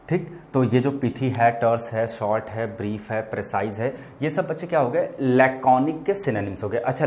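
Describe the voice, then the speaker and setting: A man's voice: medium pitch, a little hiss or hum. A man teaching English vocabulary in a chatty, repetitive way, calling his students "beta" and "bachche" as he goes through synonyms and opposites. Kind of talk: explaining English words in Hindi to students.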